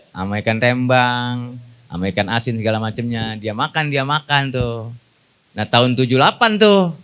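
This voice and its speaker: A man's voice: mid-range voice, a bit bright. A man with a Betawi accent preaching a humorous sermon at a mosque gathering, mixing jokes with Quran verses and constantly asking the audience questions. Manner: jokey, colloquial, asks the audience questions.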